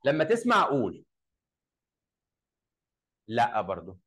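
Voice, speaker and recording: A man with an Egyptian accent teaching an English lesson to a class. He drills short phrases slowly, repeats them and quizzes his pupils. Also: mid-range voice, huge pitch swings, fairly bright tone, husky, poor audio. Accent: Egyptian Arabic.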